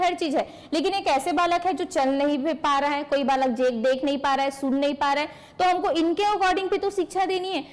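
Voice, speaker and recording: In a high-pitched voice, a woman teacher leads an online exam-prep lecture. She works through material by asking questions and answering them herself, and responds to students by name.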